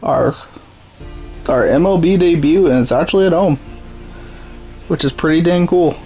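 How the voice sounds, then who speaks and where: A young gaming YouTuber with a sore, strained throat casually comments on his own baseball game, laid-back and self-deprecating. His fairly high voice is a little mellow but strained and rough, at normal speed. It's a noisy home recording with soft background music.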